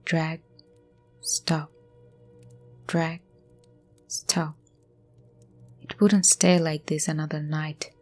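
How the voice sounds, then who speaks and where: A woman tells a horror story in a low, breathy voice, slow and flat, often sinking to a whisper. Faint music plays under her narration.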